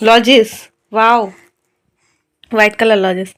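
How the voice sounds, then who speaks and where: A woman's voice: a little high, steady tone, unhurried, fairly bright tone, a little hiss or hum. Coaxing mother chatting in a home vlog. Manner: coaxing, repetitive talk to her small son. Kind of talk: casual vlog chat. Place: home at night.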